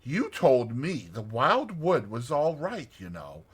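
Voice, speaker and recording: Man voicing a soft, tentative storybook Mole. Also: mid-range voice, wildly swooping pitch, takes it slowly, husky, full character voice. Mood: tentative, hopeful. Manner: tentative, suggesting. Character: mild, eager male Mole, timid storybook animal.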